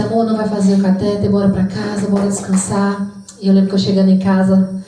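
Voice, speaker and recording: A woman's voice: fairly low pitch, warm tone, slight background noise. A woman giving an emotional, reflective spoken testimony in church. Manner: emotional, reflective, sometimes sings. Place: church hall. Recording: distant mic in echoey church hall.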